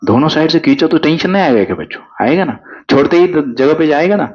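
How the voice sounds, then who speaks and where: A man's voice: on the high side, animated, quick pace, dull audio. A male physics teacher, coaxing students through exam problems with constant questions. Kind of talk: exam crash-course lecture.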